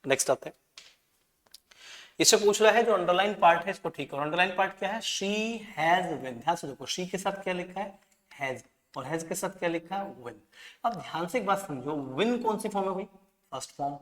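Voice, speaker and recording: A man's voice: high voice, expressive, a little fast. A man with an Indian accent, teaching English for an exam, who asks his students questions and answers them himself. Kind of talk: explaining test questions. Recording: echoey room with long reverb.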